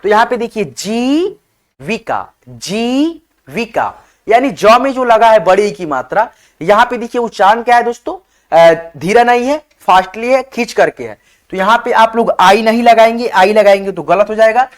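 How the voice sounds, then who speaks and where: A man teaching an online spelling lesson, slowly spelling words out letter by letter and often checking in with his viewers as friends. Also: high-pitched. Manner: often says "okay, friends". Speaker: English teacher.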